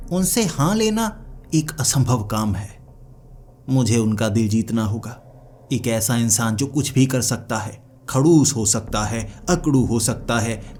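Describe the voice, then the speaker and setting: A man telling a dramatic first-person story, lively in his delivery and slipping into other characters' voices. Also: fairly low pitch, a little hiss or hum.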